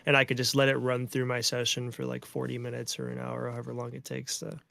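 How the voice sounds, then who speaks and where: A man co-hosting a casual music producers' chat over a video call, joking deadpan and explaining his studio workflow. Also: mid-range voice, fast talker, creaky. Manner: deadpan joking, says "bro" a lot. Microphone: home mic on video call.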